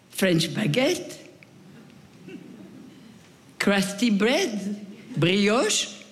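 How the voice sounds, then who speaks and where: A woman in her eighties from Morocco telling a personal story on stage at a live event, deliberate and unhurried. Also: medium pitch. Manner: slow, deliberate telling with lively rises and falls. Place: large theater stage. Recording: reverberant theater hall.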